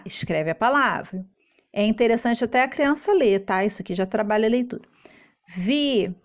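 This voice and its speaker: A woman teacher explaining a homework lesson to young children in Brazilian Portuguese, patient and slow, sounding out syllables. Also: on the high side, expressive.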